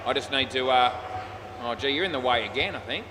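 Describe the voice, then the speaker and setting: A man's voice: medium pitch, brisk. A man with an Australian accent giving casual, laconic, matey amateur commentary and umpire calls at indoor cricket. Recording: noisy indoor sports hall, bouncing balls.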